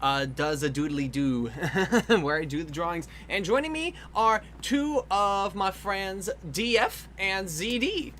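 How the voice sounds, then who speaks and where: A man's voice: high voice, expressive, slow, hardly any pauses, fairly bright tone, a little hiss or hum. A man hosting a casual drawing stream, playful and jokey with his friends. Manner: playful, jokey, breaks into laughs. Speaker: host.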